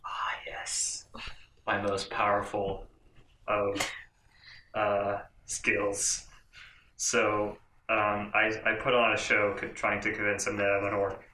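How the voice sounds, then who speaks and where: A hesitant man fumbling through his turn in a tabletop game, stammering and restarting often. His voice is bright and a little low. The room sounds echoey, with a faint hiss behind him. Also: completely flat delivery, slow, recorded from a distance. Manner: hesitant, stammering, self-amused. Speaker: player. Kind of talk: casual tabletop game play.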